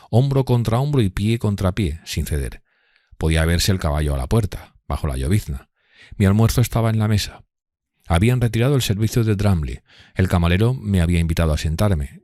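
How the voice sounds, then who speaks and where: Brief: low-voiced man reading a novel aloud, expressive and measured, dry close-mic studio read. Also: no echo. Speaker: audiobook narrator. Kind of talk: scripted audiobook narration.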